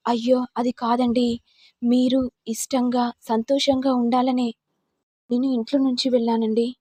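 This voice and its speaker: A woman's voice: on the high side, flat delivery, measured pace, dark tone, breathy edge, no echo. A woman voicing a tearful young wife who pleads politely with her husband. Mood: pleading.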